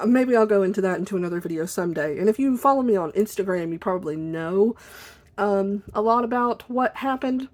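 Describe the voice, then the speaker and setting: A woman chatting casually and informally at her desk for a video, in an apologetic, rambling way, with a squeaky chair that may creak behind her. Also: lively intonation, brisk, a little mellow. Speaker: video blogger. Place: at a desk indoors.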